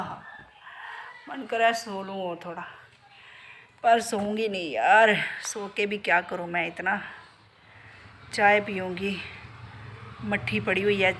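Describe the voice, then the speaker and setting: A woman's voice: medium pitch, fairly bright tone, a little hiss or hum, rough recording. A middle-aged woman chatting playfully to her viewers in a casual home vlog. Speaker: vlogger.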